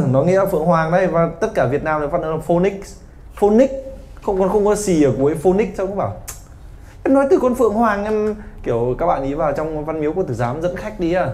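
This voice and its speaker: A man in his thirties from Vietnam teaching an English pronunciation class, lively and teasing his students. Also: on the high side, quick pace, hardly any pauses. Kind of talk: classroom lesson.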